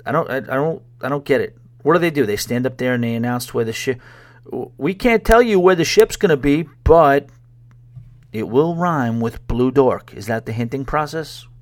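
A man hosts a casual solo podcast about cruises, speaking in an animated mid-range voice at normal speed. His tone is wry and sarcastic, and he often restarts his sentences.

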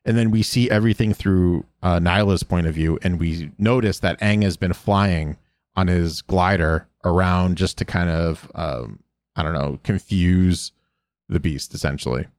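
A man with a low voice co-hosts a chatty podcast, walking through an episode and slipping into short voiced quotes of the characters. His sound is dry and close to the mic. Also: darkish tone, dry recording. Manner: retells scenes with quick voiced quotes and fillers. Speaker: podcast co-host recapping episodes. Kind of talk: casual chat, reading episode recap.

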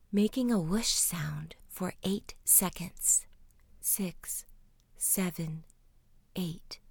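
A woman whispering a soothing guided meditation and a bedtime story in a slow, calm way. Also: medium pitch, no echo.

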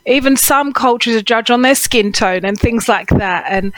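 A middle-aged woman, a speaking coach, answering interview questions in an earnest, steady way with examples. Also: a little high, moderate pace, no room sound.

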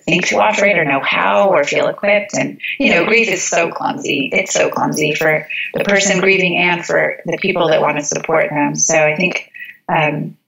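A woman guest speaking in a thoughtful, measured way, often pausing on "you know". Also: lowish voice, vocal fry, a bit bright, lo-fi sound. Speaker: interview guest. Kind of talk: reflective interview talk.

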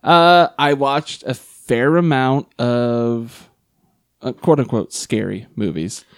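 A man's voice: mid-range voice, slow pace, dry recording, studio quality. A man co-hosting a podcast in casual chat, rambling a bit and chuckling between thoughts. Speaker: podcast co-host.

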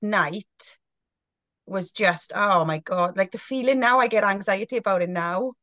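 A woman in her thirties speaks candidly as a podcast guest, her voice at a middle pitch. She talks frankly and expressively, often circling back and restarting her sentences. The recording is dry and close. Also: measured pace, a bit bright, no echo.

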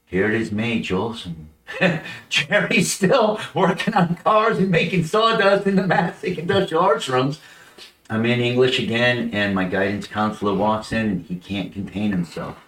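A man's voice: medium pitch, moderate pace, echoey room, recorded from a distance, a little hiss or hum, poor audio. A middle-aged man, a teacher running for office, tells his life story with feeling and acts out the voices of the people in it. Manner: animated, acts out quoted voices, gets emotional. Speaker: political candidate and middle school teacher. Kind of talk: emotional personal storytelling.

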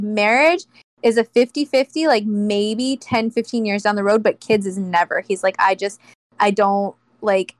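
A woman's voice: mid-range voice, no room sound, clean studio sound. A woman in her thirties, a podcast guest, talking in a casual, heartfelt way, with lots of fillers. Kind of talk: casual chat.

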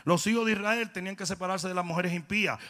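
A man with a Dominican accent preaching a humorous sermon, telling stories with comic voices and building to loud, emphatic peaks. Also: high-pitched, fast. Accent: Dominican Spanish. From Dominican Republic. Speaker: pastor.

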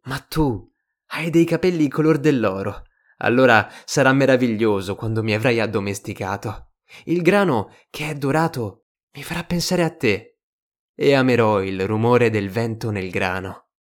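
A man voicing a patient, slightly melancholy fox in an audiobook reading, calm and reflective. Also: mid-range voice, normal speed, natural voice. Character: wise, gentle fox, patient and a little melancholy.

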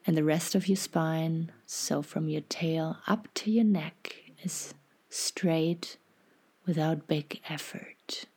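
Female meditation guide: soft spa-like half-whisper, low pitch, very slow, soothing delivery. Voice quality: soft, husky, breathy, often slipping into whisper. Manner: calm, unhurried, soothing instruction. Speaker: podcast host and meditation guide.

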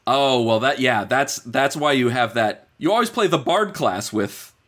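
A man's voice: mid-range voice, lively intonation, measured pace, fairly bright tone. A man co-hosting a comedy podcast with casual, joking banter. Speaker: podcast co-host.

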